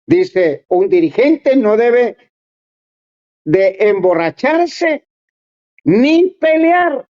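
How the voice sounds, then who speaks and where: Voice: mid-range voice, very animated, extremely slow, pauses often, a little mellow. A preacher giving a sermon, exhorting and speaking straight to the listeners in an earnest way. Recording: dull lo-fi recording.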